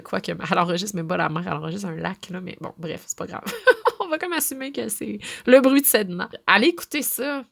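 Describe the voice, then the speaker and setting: Gravelly-voiced Québécois woman podcaster. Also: lowish voice. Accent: Québécois French. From Quebec. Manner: chatty, full of fillers and restarts, expressive. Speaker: podcast host. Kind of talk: casual spoken monologue.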